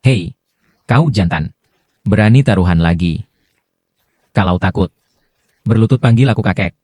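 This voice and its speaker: Man playing a stern, husky chairman. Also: fairly low pitch, measured pace, a little mellow, no room sound. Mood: taunting. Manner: curt, clipped and scolding. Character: stern older father and chairman. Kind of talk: dubbed drama dialogue.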